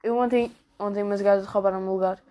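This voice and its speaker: A woman's voice: medium pitch, steady tone, fast talker, lo-fi sound. A teenage girl with a European Portuguese accent, chatting casually and gossiping about her class in a slangy way. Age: teens. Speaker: student vlogger. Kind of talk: casual chat.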